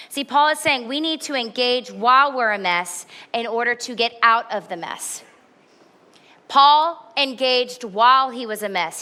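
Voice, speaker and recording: A woman's voice: on the high side, bright, forceful tone. A woman in her forties preaching a sermon, earnest and candid, with emphatic repetition. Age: 40s. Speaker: pastor.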